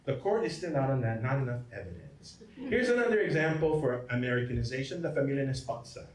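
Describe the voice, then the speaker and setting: A man's voice: mid-range voice, very animated, fast, a little mellow. A man, a priest, giving a lecture at a symposium in a jokey, digressive way, often checking in with his audience by asking "okay?" and "right?". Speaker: priest giving a genealogy talk. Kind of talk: lecture presentation. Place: hall at a symposium. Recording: echoey hall, from far off, faint noise.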